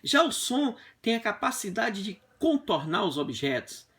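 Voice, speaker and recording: A man teaching a physics class in a classroom, explaining with playful, animated stories. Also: high voice, a little slow. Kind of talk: lively classroom lesson with comic anecdotes. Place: classroom with a whiteboard.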